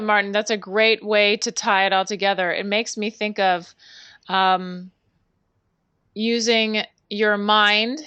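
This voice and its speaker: A woman's voice: mid-range voice, clear, resonant tone, no echo. A woman host reflecting and responding to her guest, with fillers. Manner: reflective, warm agreement with fillers. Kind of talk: casual chat.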